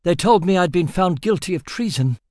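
Man voicing a sick male engineer, weary, coughing, raised pitch, dry. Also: lively intonation, normal speed, a little mellow, dry recording. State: coughing, ill.

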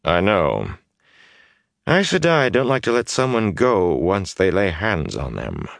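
A man voicing a wary, dry-witted older gleeman who speaks in a measured, guarded way. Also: deep voice, huge pitch swings, creaky, no room sound, heavily acted.

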